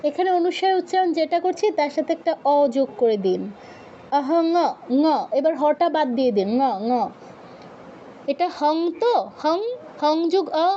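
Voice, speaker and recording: High-voiced woman teaching pronunciation. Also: lively intonation, normal speed, dark tone, muffled recording, a little hiss or hum. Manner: patient, corrective, repeats sounds for the student. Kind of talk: online pronunciation lesson.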